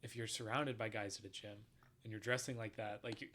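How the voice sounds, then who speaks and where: A man's voice: fairly low pitch, steady tone, fairly quick, sharp tone, a little hiss or hum. A young man hosting a casual podcast, easygoing, asking short questions and laughing along. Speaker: podcast host.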